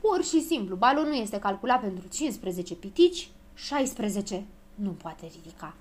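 A woman reading aloud, voicing a matter-of-fact male dwarf who explains things calmly. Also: medium pitch, close to an everyday voice. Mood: explaining.

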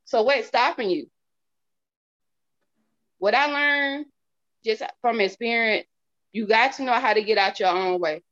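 A woman's voice: fairly high pitch, unhurried, pauses often, a bit bright. A woman from the southern United States with a Southern accent, chatting casually and candidly in a folksy way, repeating phrases for emphasis. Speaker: interview guest, product seller. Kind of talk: casual testimonial chat. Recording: dull lo-fi audio.

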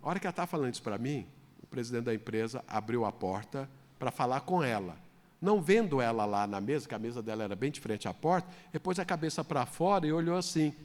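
A man pastor telling a personal story in a sermon, then building to loud, fervent preaching. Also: medium pitch, lively intonation, fast talker. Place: church hall. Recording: long hall reverb.

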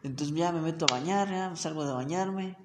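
Young Mexican man, animated slangy raconteur, high-ish voice, reverberant room. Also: moderate pace, noisy background. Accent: Mexican Spanish. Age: young adult. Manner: animated, slangy, self-mocking. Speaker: storyteller. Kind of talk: casual storytelling chat.

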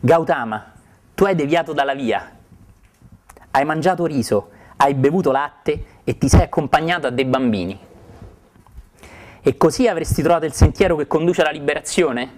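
A man's voice: fairly high pitch, moderate pace, pauses often, close to an everyday voice. Kondanna, a man doing an indignant ascetic. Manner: indignant, accusing.

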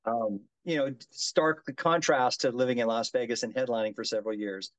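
A man in his fifties from the Gulf Coast talks earnestly about his music as an interview guest, often stopping to restart a thought. His voice sits at an ordinary middle pitch. The sound is dry and close, with no room echo. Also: fairly even intonation, brisk. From Gulf Coast of the United States. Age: 50s. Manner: earnest, restarts often, says "yes, sir". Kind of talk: casual interview chat.

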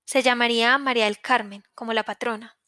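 A gossiping old village sorceress with a sharp tongue, put on by a woman narrator. She speaks bluntly and pushes her opinions on others. The voice sits fairly high, and the storybook reading sounds close and dry. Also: steady tone, a little fast, clean tone, no echo. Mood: meddling. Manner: blunt, meddling.

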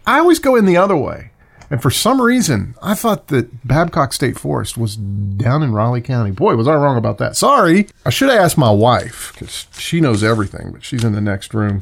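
Chatty man with a lively voice. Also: medium pitch, creaky. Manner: chatty, rambling, with self-corrections and short rants. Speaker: podcast host. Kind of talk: casual solo podcast talk.

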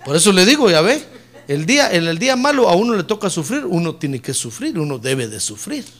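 A man preaches a sermon in a high, lively voice that swoops widely in pitch. He is a middle-aged pastor who mixes jokes into his message. He climbs to loud emphatic peaks, then drops low and soft when addressing his listeners. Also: fairly quick. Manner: preaching with humor, rising loud on key points and dropping low and soft on "hermano".

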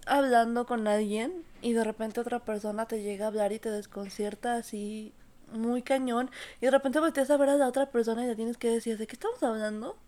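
A young woman, co-hosting a casual podcast and throwing in jokes and quick remarks. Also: fairly high pitch, steady tone, dark tone. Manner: joking, quick interjections. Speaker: podcast co-host.

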